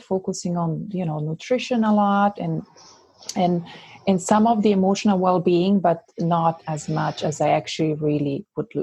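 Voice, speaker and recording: A woman's voice: on the low side, vocal fry, warm tone, breathy edge, dry recording. A woman from Switzerland with a Swiss Italian accent, a guest coach in an interview, talking thoughtfully with many fillers and restarts. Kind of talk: interview conversation.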